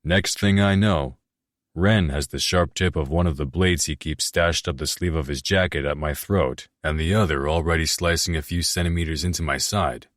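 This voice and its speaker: A man narrating a romance audiobook in the first person, in a steady, measured reading. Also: extremely low pitch, no room sound, studio quality.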